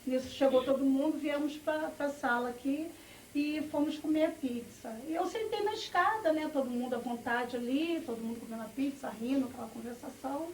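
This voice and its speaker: High-voiced woman in an echoey church. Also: a little fast, slight background noise. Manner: storytelling, quoting family in dialogue. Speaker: church testimony speaker. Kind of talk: personal testimony. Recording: echoey, from far off, music behind.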